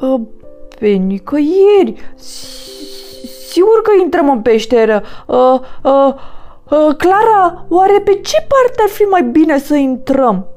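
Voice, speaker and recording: A woman's voice: medium pitch, steady tone, gravelly, dark tone, faint music behind, natural voice. A woman voicing a bumbling, well-meaning male hedgehog in a children's storybook, stammering and hesitant. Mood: flustered.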